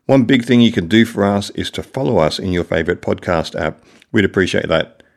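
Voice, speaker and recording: A man hosting a podcast, introducing his guest and asking friendly, halting questions. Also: sits low, expressive, gravelly. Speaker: podcast host. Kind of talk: podcast interview.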